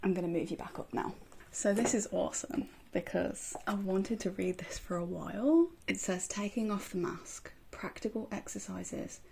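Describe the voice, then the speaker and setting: Excitable woman recorded on a phone voice recorder. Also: medium pitch, normal speed, vocal fry, slight background noise. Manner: excitable, gushing. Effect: recorded on a phone voice recorder app. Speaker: book vlogger. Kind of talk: casual unboxing chat. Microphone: phone voice recorder used as microphone.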